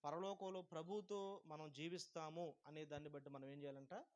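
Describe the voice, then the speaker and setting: A man preaching as a pastor, building shouted repetitions and calling the congregation to praise. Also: fairly high pitch, steady tone, fairly quick. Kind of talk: sermon.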